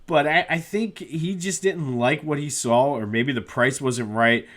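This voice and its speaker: Unhurried and a little bright, a mid-range male voice hosts a sports podcast alone. A cold leaves him slightly nasal and congested, and he speaks casually with many "uh" fillers.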